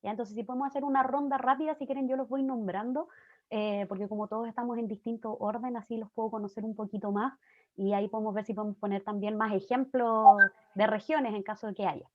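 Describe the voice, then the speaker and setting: Una conferencista chilena habla por videollamada, relajada e informal. Su voz es algo aguda y el sonido llega opaco y sin eco de sala. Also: female voice, a little high, fairly even intonation, fast talker, dry recording. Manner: friendly, informal, many fillers. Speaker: guest lecturer. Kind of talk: online class talk. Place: home, video call. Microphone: computer mic on video call. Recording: dull, dry video-call audio.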